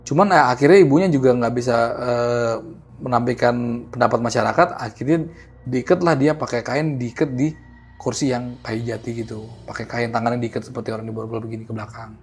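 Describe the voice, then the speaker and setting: A young man casually tells a horror story in a lively, slangy way. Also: mid-range voice, a little fast, slightly rough, faint music behind. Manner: animated, acts out the people in his story, slangy. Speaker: guest storyteller.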